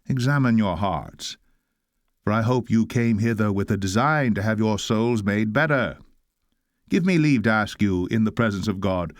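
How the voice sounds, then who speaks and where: A man with a mid-range voice reads an old, historic sermon aloud in a solemn, oratorical style. He exhorts listeners with weighty rhetorical delivery, and the recording is clean and studio-quality with no echo.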